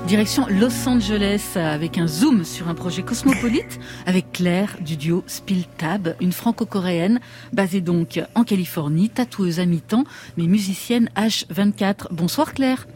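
A woman's voice: medium pitch, a little slow, a little mellow, soft background music. A woman hosting a conversational radio interview from a studio. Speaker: radio host.

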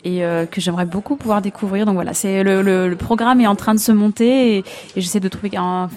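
A woman's voice: medium pitch, steady tone, brisk, dark tone. A woman from Belgium with a light Belgian French accent, an opera singer chatting as a radio guest, hesitant and full of restarts. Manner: hesitant, many fillers and restarts, laughs easily. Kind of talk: casual interview chat. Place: live radio show before a public.

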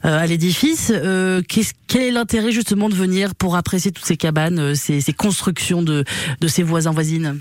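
A man's voice: sits high, moderate pace, no room sound. A man hosting a casual radio interview in an informal, chatty way, often rephrasing as he goes. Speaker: radio host.

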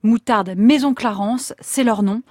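A woman who is a regular food columnist, presenting a product on the radio in a brisk, precise way. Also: fairly high pitch, a little mellow, no echo, studio quality. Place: radio studio.

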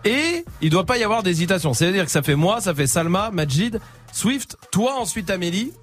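A man's voice: sits high, very animated, normal speed, soft background music. A man hosting a radio show, upbeat and joking as he runs a word game with a caller and his co-hosts in the studio. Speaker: radio host.

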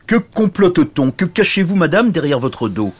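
A man's voice: on the high side, sing-song, moderate pace, husky, pitched above the performer's own voice. A man voicing a big, brutish and stupid knight who bellows his lines in a fairy tale. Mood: blustering. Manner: bellowing, blustering.

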